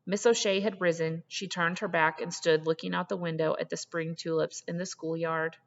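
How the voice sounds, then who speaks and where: A woman with a slightly low voice narrates a literary story. She reads expressively and in measured phrases with dramatic pauses. The recording is a bit muffled, with a long hall-like reverb. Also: fairly even intonation. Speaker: story reader.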